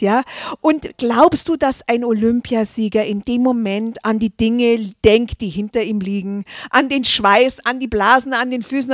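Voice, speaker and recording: A woman giving a fervent testimony at a church service, swinging between hushed tones and loud exclamations. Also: high voice, dry recording, clean studio sound.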